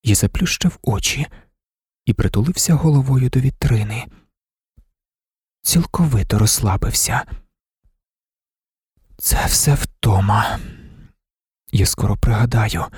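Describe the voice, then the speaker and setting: Very husky male audiobook narrator. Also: mid-range voice, no echo, studio quality. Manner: measured, quiet first-person storytelling.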